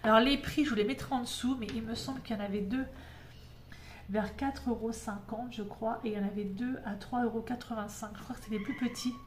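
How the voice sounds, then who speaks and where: A woman's voice: on the high side, fairly even intonation, a little fast, slight background noise. A woman vlogger chatting at home, enthusiastic and full of hesitations as she shows her craft kits. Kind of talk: casual show-and-tell chat.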